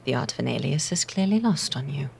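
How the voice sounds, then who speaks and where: A woman's voice: rumbling low, expressive, fast talker, gravelly, darkish tone, husky, full character voice. A woman playing a poised, arch, mysterious lady guest in an audio comedy drama, formal and cutting.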